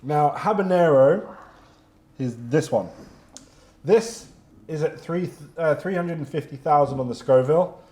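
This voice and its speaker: A man's voice: fairly high pitch, a little slow, long pauses, darkish tone. Man hosting a hot wing challenge. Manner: chatty, laughing, reacting to spicy food. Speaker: host. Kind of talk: casual interview during a hot wing challenge.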